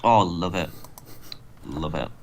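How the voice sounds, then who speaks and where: A man's voice: sits low, slow pace, a little hiss or hum. Wry man commentating a game. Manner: joking, wry. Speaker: let's play host.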